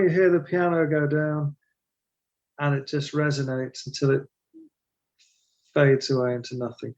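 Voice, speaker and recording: A middle-aged man talking in an interview as a guest, animated and emotional, laughing often and poking fun at himself. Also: fairly high pitch, muffled recording. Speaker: guest, translator and stage performer. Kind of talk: conversational interview.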